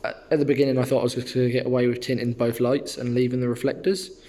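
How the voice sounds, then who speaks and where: A young man chats casually to his viewers about working on a car, relaxed and rambling with plenty of fillers. His voice is strained and partly gone, though it sits at an ordinary mid pitch. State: losing his voice. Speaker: car detailing vlogger. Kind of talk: casual vlog chat to camera.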